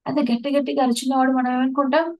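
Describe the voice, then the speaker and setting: Woman, meditation teacher, mellow dark tone, dry close sound, patient step-by-step explainer. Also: high voice, level tone, racing, no echo, rough recording. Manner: explains patiently, lists terms one by one with restarts. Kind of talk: spiritual talk on emotions.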